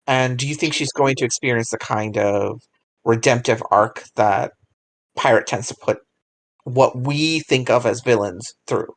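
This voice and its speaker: A chatty host keeps the conversation moving, breaking off mid-sentence and correcting themselves. They read listener questions out loud in a relaxed, conversational way. The voice sits at a mid pitch. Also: measured pace. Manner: chatty, self-interrupting, reads listener questions aloud. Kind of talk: casual podcast chat.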